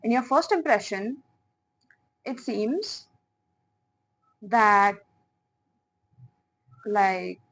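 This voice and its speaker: Animated and mid-range, a tarot reader draws out her words and leaves long pauses during a pick-a-card reading. She addresses viewers as piles in a chatty, playful way, filled with fillers and soft laughs, over a rough recording.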